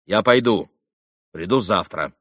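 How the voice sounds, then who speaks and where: A man's voice: fairly low pitch, expressive, measured pace, a bit bright, no echo, studio quality. A man doing a curt, irritable brooding young man.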